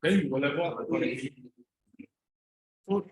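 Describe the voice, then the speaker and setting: Walking a player through a brain game, a Singaporean-accented instructor offers relaxed, supportive steps in brief phrases he repeats. He talks at normal speed in a fairly high voice, recorded in an echoing, spacious-sounding room.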